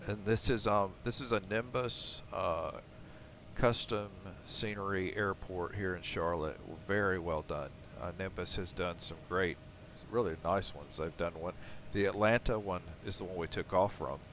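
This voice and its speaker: A man's voice: deep voice, measured pace, a bit bright, slight background noise. A man giving casual gameplay commentary as he flies a flight simulator. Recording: faint engine ambience behind.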